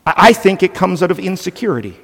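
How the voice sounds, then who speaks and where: A man's voice: sits high, expressive, quick pace, gravelly, fairly bright tone, long reverb tail. A male pastor delivering an earnest, emphatic sermon, often restarting his phrases.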